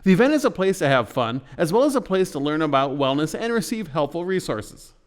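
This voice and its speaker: A man's voice: on the high side, sing-song, a little fast. A man reading scripted news narration as a reporter for a local update.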